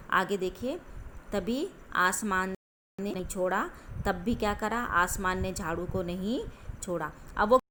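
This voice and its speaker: A woman's voice: mid-range voice, a bit bright, slight background noise. A woman schoolteacher explaining a story to young children, repeating herself and asking the class questions. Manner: patient, asks the class questions and repeats "okay" constantly. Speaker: school teacher.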